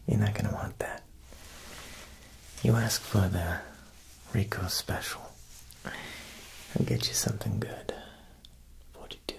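A young man with a lowish, gravelly voice whispers an ASMR roleplay, captured on a low-quality recording. He plays a tailor who is also a joking, faintly menacing Italian mob boss, full of wiseguy talk and frequent "huh" tags.

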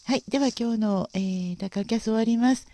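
A woman hosting a casual livestream, speaking gently and politely with frequent pauses and fillers. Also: fairly high pitch, no echo. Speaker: livestream host.

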